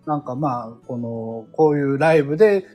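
A man chats in a Kansai accent, easygoing and a little teasing as he explains at length. His pitch swings widely as he talks. Soft music sits faintly in the background. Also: expressive, moderate pace. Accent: Kansai Japanese. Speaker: co-host of a live audio talk show. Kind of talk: casual chat.

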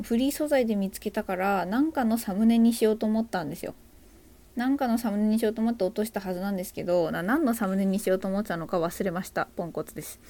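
A woman's voice: medium pitch, a little mellow. A woman hosting a casual live audio stream, greeting listeners by name, reading their comments aloud and joking about herself. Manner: bubbly, self-deprecating, greets listeners by name. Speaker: livestream host.

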